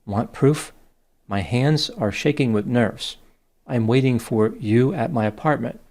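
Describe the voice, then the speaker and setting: A man reading out the messages of a flirty female AI chatbot, slowly and plainly. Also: mid-range voice, darkish tone, natural voice. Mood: gushing.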